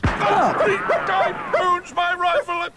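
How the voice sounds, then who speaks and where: An actor playing an irritable older sea captain in a radio drama, gruff and gravelly, given to exclamations and curses. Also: male voice, extremely high pitch, level tone, slow, heavy background noise. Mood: flustered.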